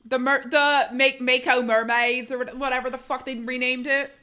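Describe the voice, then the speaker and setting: Reading chat aloud and laughing frequently, a woman streamer chats with her audience in a self-deprecating, chatty way. Her high voice is bright, forceful and flat in delivery, at a normal speed, with a clean tone.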